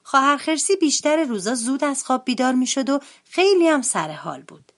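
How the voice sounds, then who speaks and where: Lively woman reading a children's story. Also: high voice. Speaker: translator and storybook reader.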